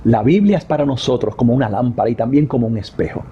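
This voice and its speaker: A man teaching a devotional Bible study in a measured, explanatory way, rereading a verse and stressing a different word each time. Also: mid-range voice, expressive, warm tone, dull audio, slight background noise.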